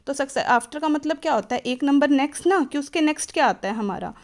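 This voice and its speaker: A woman teacher with an Indian accent explaining a maths lesson, slow and careful in English and switching to quick Hindi asides. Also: high-pitched, expressive.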